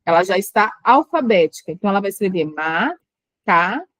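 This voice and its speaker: A woman's voice: medium pitch, animated, fast, dry recording. A woman teaching an exam-prep lesson on children's writing, explaining patiently and sounding out words syllable by syllable. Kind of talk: online exam-prep lecture.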